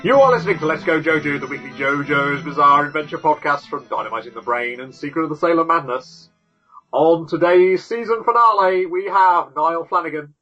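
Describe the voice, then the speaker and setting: A man's voice: on the high side, a little fast, sharp tone, faint music behind. Male podcast host, casual rambling chat, tinny lo-fi sound through a call mic. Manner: chatty, rambling while clicking through links. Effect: tinny, lo-fi wrong-microphone sound. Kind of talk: casual chat reading news. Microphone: online call.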